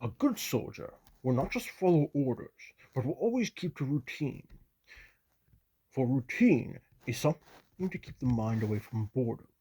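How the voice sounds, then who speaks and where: A gruff older commissar, as a man puts him on, lectures in a solemn tone, in whispered role-play. His voice is mellow, rough and breathy. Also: mid-range voice, low-quality recording.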